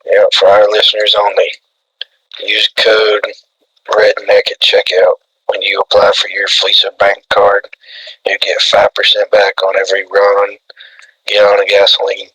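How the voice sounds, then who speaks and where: Guy doing a paranoid redneck radio host, folksy drawl, monotone, raspy n sharp. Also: on the low side, a little slow, heavily acted, low-quality recording. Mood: salesman-like. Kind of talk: improvised comedy radio role-play.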